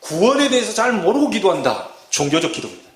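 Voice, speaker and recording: A man's voice: high voice, very animated, quick pace. A middle-aged man preaching a sermon as pastor, acting out scenes with dramatic voices. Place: church sanctuary. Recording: echoey church hall.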